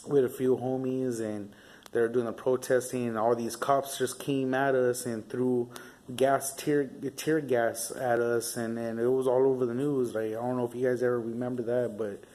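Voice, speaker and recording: This young Southern California man speaks at a moderate pace in a dark, mid-range voice with little pitch movement. In his casual storytelling vlog he rambles, uses profane street talk, and relies on lots of fillers.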